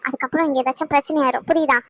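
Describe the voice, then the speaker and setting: A very high, bright voice on a dry, close recording. A woman voices a young cartoon wife who teases and scolds her husband. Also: fairly even intonation, rapid-fire, no echo. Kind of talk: cartoon voice acting, several roles.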